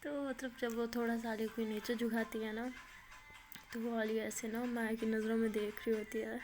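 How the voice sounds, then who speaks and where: A woman's voice: on the high side, flat delivery, moderate pace, a little mellow, soft background music. A woman narrating a love story in casual talk, chatty and full of filler words.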